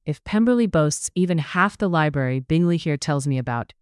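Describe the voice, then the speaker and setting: Mr Bennet, a wry older father with a teasing tone, as a narrator gives him voice. The voice is smooth and clear, with a dry sound. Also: medium pitch, expressive, brisk, dry recording, natural voice.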